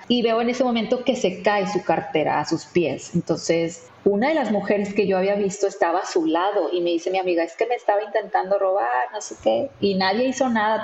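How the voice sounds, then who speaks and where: A woman's voice: medium pitch, darkish tone, echoey room, highs cut off. A woman, a guest in an interview, telling a story in a chatty way with many fillers and tag questions. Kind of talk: conversational storytelling.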